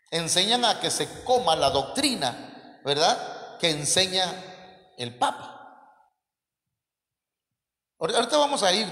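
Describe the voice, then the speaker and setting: Male preacher, Mexican accent, high voice, long church reverb, sermon with rhetorical questions. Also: pushed and bright. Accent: Mexican Spanish. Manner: addresses listeners as brothers, many rhetorical questions.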